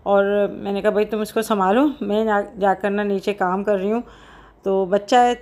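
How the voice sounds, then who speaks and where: Even-toned chatty middle-aged woman vlogger. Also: medium pitch. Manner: chatty, rambling, with frequent fillers. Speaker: cooking vlogger. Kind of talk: casual home vlog chat.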